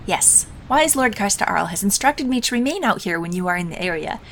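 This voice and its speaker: Voicing a self-important male wizard advisor from a game, a woman reads the lines in a medium-pitched, expressive, slightly bright voice, a bit quickly. She plays it solemn and hammy like a stage actor, with feigned subservience and a grave, evasive mood, over slight background noise.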